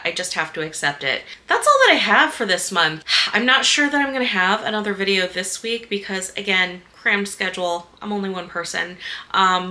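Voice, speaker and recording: A woman's voice: lowish voice, sharp tone. A woman in her thirties chatting casually to camera about her reading, rambling and self-deprecating with lots of fillers. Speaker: book vlogger.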